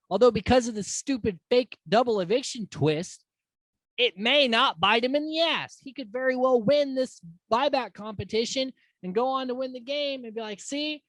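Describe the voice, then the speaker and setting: A woman hosting a casual, profane recap of a reality show, swinging from excited to exasperated. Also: on the high side, moderate pace, no room sound. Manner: profane, animated, mimics houseguests in quoted asides.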